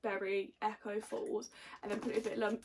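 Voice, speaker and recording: A woman's voice: mid-range voice, little pitch movement, normal speed, very noisy. A young Englishwoman chatting casually to camera in a giggly, tipsy, rambling and slangy way. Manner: rambling, slangy, self-mocking. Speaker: vlogger.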